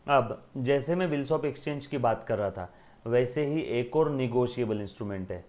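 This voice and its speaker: Commerce teacher guy lecturing, keeps asking clear? and answering himself. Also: mid-range voice, a little slow, darkish tone. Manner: repeats questions and answers them himself, calls students beta. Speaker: accounting teacher. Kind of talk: classroom lecture.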